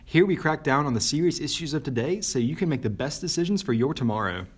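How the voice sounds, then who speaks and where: A man's voice: fairly high pitch, lively intonation, fast, slightly rough. Joking young Southern man. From Mississippi. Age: young adult. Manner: joking, laughs often, playful. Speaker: podcast co-host. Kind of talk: casual chat.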